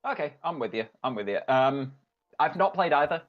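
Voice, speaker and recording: A man's voice: medium pitch, lively intonation, moderate pace, muffled recording, faint music behind. A man co-hosting a casual gaming podcast, blunt and jokey, given to mock-indignant banter. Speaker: podcast co-host.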